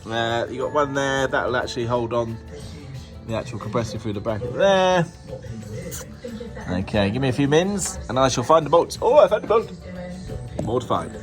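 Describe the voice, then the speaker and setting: A man's voice: mid-range voice, expressive, moderate pace, music in the background. A British man chatting casually for a vlog about his own work, playful and jokey, slipping into silly baby-talk words. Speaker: car dealer filming a repair vlog.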